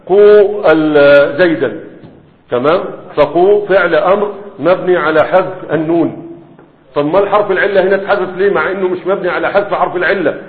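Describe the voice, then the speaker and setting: A man's voice: fairly high pitch, brisk. A man with an Egyptian accent teaching a grammar lesson, explaining step by step and often checking that students follow. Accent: Egyptian Arabic. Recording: tinny, echoey hall.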